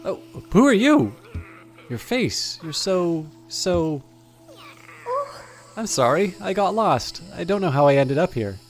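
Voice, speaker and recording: A man's voice: on the high side, sing-song, slow pace, long pauses, faint music behind, voice pushed up, heavily acted. A man voicing a timid, forlorn young bug girl from a game, plaintive, hesitant and self-pitying. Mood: shy, flustered.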